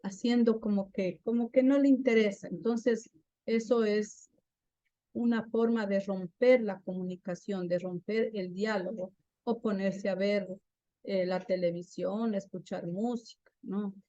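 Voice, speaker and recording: A woman's voice: mid-range voice, steady tone, unhurried, warm tone, no echo, dull audio. A woman teaching a class on active listening, often asking her students questions and tagging her points with a questioning "¿no?". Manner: asks the class frequent questions, adds "¿no?" often. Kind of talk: classroom lesson.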